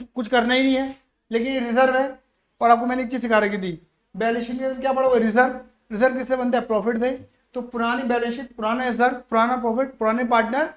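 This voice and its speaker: A man teaching an accounting lesson, who keeps checking whether students follow and acts out little stories to explain. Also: extremely high pitch. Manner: keeps asking students "yes or no" to check understanding. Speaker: commerce teacher. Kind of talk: classroom-style accounting lesson.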